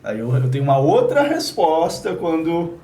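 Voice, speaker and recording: A man interviewing a guest in a relaxed, conversational way, sharing his own experience and asking questions. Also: fairly high pitch, moderate pace. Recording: roomy, distant mic, faint noise.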